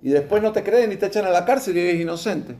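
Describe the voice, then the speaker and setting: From the pulpit, a pastor over forty-four delivers a sermon at a quick pace, his slightly high, somewhat mellow male voice reading passages aloud. He keeps turning to the congregation with questions.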